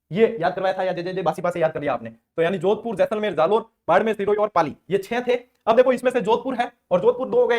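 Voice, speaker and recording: A man from Rajasthan, teaching an exam-prep lesson in a chatty, playful way, chanting memory tricks and acting out little scenes. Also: high-pitched.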